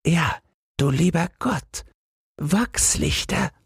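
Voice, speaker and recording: A man's voice: medium pitch, lively intonation, slow, vocal fry, a little mellow, breathy edge, dry recording, studio quality, pitched above the performer's own voice, exaggerated voice. A man voicing a humble old street lantern in a fairy-tale audiobook, fretful and tender. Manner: worried, keeps repeating a single fear.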